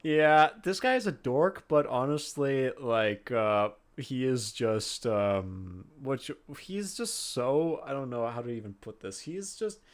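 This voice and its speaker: Slow, animated male game master. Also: mid-range voice. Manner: informal, hesitant, searching for words. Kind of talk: casual narration of a tabletop game.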